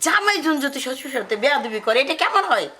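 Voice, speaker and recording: A woman's voice: sits high, sing-song, fast, slight background noise, exaggerated voice. An actress playing a fussing village mother who scolds her daughter about a rude son-in-law. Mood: scolding. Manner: scolding, calling out loudly. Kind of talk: rural comedy drama acting.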